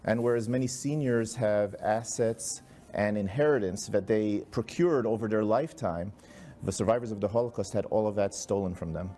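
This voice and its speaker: Low-voiced man, mellow tone, earnest and urgent advocacy. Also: moderate pace. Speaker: charity spokesman in news clip. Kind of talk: persuasive explanation.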